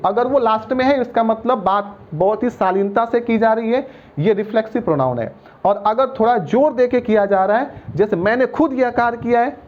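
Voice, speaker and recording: Explaining grammar at a board, a high-pitched male teacher patiently goes over every point more than once and makes sure his students keep up. The recording sounds muffled.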